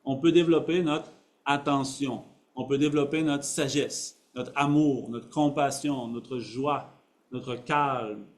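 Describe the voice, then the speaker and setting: A man's voice: mid-range voice, steady tone, slow pace. A man giving a Buddhist teaching to an audience. He uses simple phrasing, builds each point from everyday examples, and often checks in with "ok?". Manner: builds his points from everyday examples, repeating key words. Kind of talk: dharma talk to an audience.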